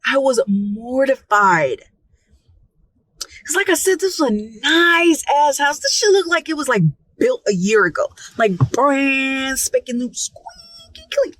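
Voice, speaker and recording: A young woman tells a story from her own life in a casual, profane way. Her voice swoops up and down as she acts out gasps, whispers and shouted quotes. She takes her time, and the sound is dry and close. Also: sits high, sing-song, a little slow, dry recording, low-quality recording. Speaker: storytime vlogger. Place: Florida.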